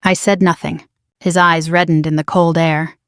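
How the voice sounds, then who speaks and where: A woman narrating a first-person story in a measured, quietly dramatic manner. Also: sits low, level tone, clear, resonant tone, dry recording, clean studio sound.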